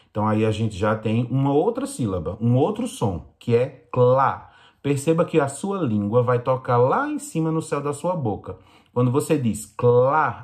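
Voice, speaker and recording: Patient Brazilian man teaching children. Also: mid-range voice. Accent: Brazilian Portuguese. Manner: slow, patient explaining to young children. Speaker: primary school teacher. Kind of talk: recorded classroom lesson.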